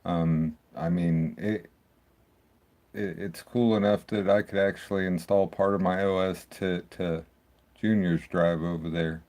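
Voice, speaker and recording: Low gravelly man thinking aloud. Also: steady tone, unhurried, a little mellow. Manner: rambling, thinks aloud with restarts. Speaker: tech video host. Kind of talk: casual screen-recording walkthrough.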